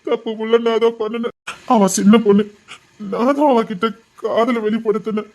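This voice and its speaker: A man's voice: very high voice, fast, a bit bright. A man acts out a remorseful young man who blames himself. His voice cracks as he pleads and sobs. It is an anguished, raw voice from a Tamil audio drama. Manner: pleading, choked, sobbing. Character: guilt-ridden young man, remorseful and sobbing.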